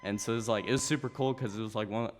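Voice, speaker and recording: Young man, low voice, reverberant room. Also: steady tone, racing, soft background music. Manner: easygoing storytelling, laughs often. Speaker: guest, grappler. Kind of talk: casual chat.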